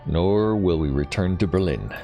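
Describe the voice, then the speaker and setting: Guy reading a cool careful corporate vp, deep voice, game music faint behind. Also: lively intonation, normal speed, creaky, dark tone. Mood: guarded. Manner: reads dialogue aloud, plain voice, no accent attempted. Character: cool, guarded male corporate vice president.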